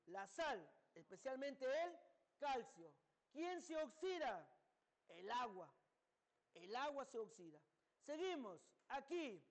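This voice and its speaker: Profesor de química con voz muy aguda. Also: male voice, very high-pitched. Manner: asks students questions then answers them himself. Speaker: chemistry teacher. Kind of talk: classroom lecture with questions to students. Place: classroom.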